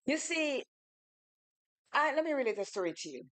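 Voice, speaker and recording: Animated Grenadian woman telling a story. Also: sits high, normal speed, dry recording. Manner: animated storyteller, acts out quoted voices. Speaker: radio co-host. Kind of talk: casual radio talk with storytelling. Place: radio studio.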